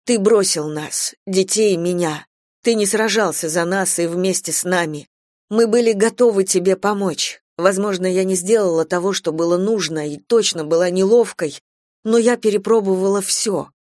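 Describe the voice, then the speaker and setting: Woman narrator, first-person novel, measured emotional reading, middle pitch, dry close sound. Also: darkish tone, no echo. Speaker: audiobook narrator.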